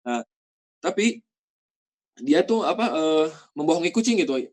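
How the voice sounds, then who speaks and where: A man teaching Quran reading in a casual lesson, explaining patiently and drawing out example recitations slowly. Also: a little high, expressive.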